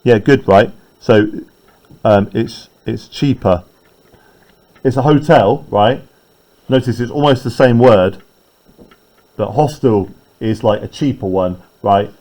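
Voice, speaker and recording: A man's voice: on the low side, slow, long pauses, mellow, rough recording. A male teacher leading a classroom poetry lesson, talking conversationally and often checking in with tag questions.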